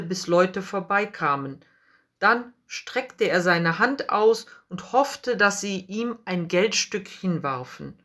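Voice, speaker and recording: A woman narrating a children's Bible story in a gentle, deliberate storytelling manner. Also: lowish voice.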